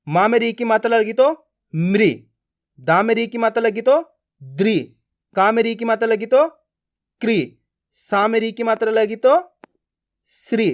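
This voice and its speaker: A man teaching beginners to read, speaking with friendly classroom prompts and slow, drawn-out syllables. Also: very high voice, fairly even intonation. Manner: slow drilled pronunciation, repeated prompts to learners. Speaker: Hindi reading teacher. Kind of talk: classroom-style lesson.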